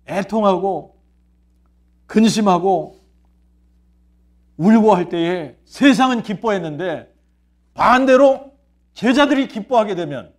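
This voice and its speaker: A man, a pastor, preaching a sermon. He asks rhetorical questions, answers them himself, and repeats key phrases. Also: sits high. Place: church sanctuary.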